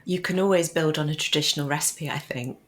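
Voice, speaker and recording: Low-pitched woman co-hosting a podcast. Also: fast, a bit bright. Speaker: podcast co-host. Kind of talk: podcast interview.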